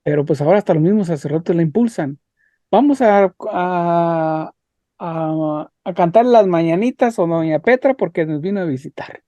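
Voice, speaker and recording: A man teaching an online religion class, talking haltingly with repeated words and rhetorical questions. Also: on the high side, mellow, dry recording. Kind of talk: leading an online class discussion.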